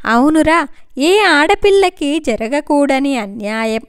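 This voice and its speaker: Lady doing a sad anxious mom, high voice, pleading, close and dry. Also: takes it slowly, no room sound. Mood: sorrowful. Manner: emotional, pleading. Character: worried middle-aged mother, tearful and anxious.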